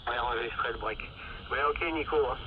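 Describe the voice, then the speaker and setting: Man, CB operator heard over a walkie-talkie, dull lo-fi sound with strong static, relaxed radio chatter full of fillers. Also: mid-range voice. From France. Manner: unhurried, full of fillers and call-sign spelling. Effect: heard through a handheld walkie-talkie receiver. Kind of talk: casual radio contact with call signs.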